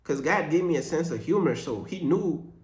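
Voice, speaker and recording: A young man from Uganda riffs through a faith vlog in loose, slangy talk, mixing jokes with preaching. His voice sits a little high for a man. The room around him rings with echo. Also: expressive, normal speed. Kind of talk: casual faith vlog monologue.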